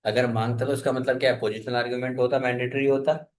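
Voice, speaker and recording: A man's voice: medium pitch, flat delivery, fast talker. A man teaching a programming class, asking his students questions and waiting for their answers. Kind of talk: classroom coding lesson.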